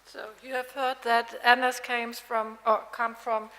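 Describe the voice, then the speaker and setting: A woman from the northeast presents her project in a higher, flat, monotone voice. She halts and fills pauses often, and a long hall reverb trails her words. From northeastern Germany. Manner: halting, with many fillers. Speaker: regional project partner. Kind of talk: conference pitch.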